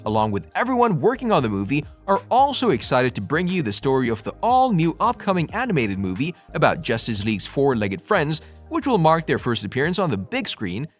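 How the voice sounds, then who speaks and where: A man's voice: mid-range voice, a bit bright. A man reading a scripted movie-news narration as the narrator. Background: faint music.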